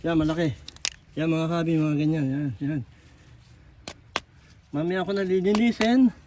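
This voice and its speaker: High-voiced man chatting outdoors by the shore. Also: moderate pace, background noise. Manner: chatty, repetitive, addresses viewers constantly. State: out of breath. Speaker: vlogger. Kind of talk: casual on-the-spot vlog narration. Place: outdoors on a rocky shoreline at low tide. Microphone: camera on a tripod.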